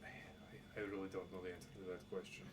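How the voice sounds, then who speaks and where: A man's voice: sits low, level tone, quick pace. A man playing a tabletop game, chatting casually and joking with plenty of swearing. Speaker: player. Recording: noisy room, far from mic.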